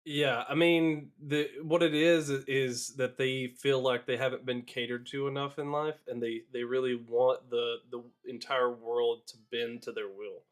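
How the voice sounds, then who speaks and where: A man's voice: mid-range voice, steady tone, measured pace, hardly any pauses. A man co-hosting a casual live podcast, talking in a rambling, hesitant way. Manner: rambling, hesitant, many fillers and restarts. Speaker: podcast co-host.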